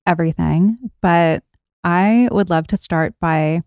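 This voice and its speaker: Woman podcast host, curious and encouraging, lowish pitch, dry sound. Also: slow, a little mellow, clean tone, dry recording. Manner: curious, encouraging with frequent mm-hmms. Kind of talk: casual interview chat.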